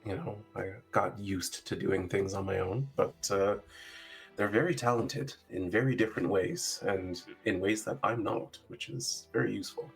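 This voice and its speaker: Casting: man as a measured, polite adventurer, low and gravelly. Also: soft background music. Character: calm, polite adventurer traveling with a crew.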